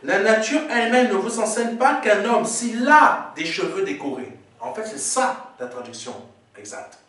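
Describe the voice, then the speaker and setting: A male pastor delivers a sermon in a church sanctuary, his high, lively voice rising and falling. He teaches point by point, explains Greek words, and often pauses for "Amen." The distant mic captures heavy echo from the hall.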